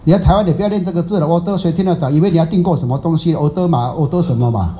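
With a warm, somewhat high voice and a rapid-fire delivery, this man leads a Dharma talk for a Buddhist class. He keeps it chatty and teasing, throwing questions at his audience.

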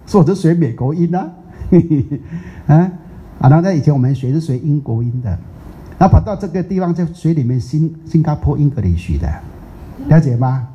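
Dark-voiced older teacher. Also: male voice, fairly high pitch, lively intonation. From Taiwan. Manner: chatty, teasing, drawn-out English words. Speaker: Buddhist teacher. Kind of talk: casual dharma talk. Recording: muffled lo-fi recording.

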